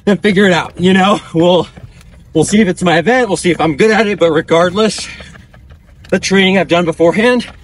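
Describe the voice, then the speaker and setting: A man in his twenties chatting casually in breathy short phrases as he runs outdoors while being interviewed. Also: high-pitched, a little fast, a little hiss or hum. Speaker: professional distance runner being interviewed. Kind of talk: casual chat while running. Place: outdoors on a dirt country road, on the move.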